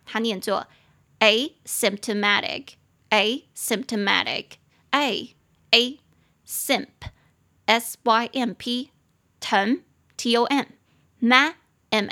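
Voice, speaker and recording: A young woman hosts an English vocabulary lesson for podcast listeners, her voice sitting a little high. She repeats each key word and spells it out slowly, letter by letter, switching easily between explanation and English terms. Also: a bit bright. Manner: repeats words and mixes Mandarin with English. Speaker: English teacher and podcast host.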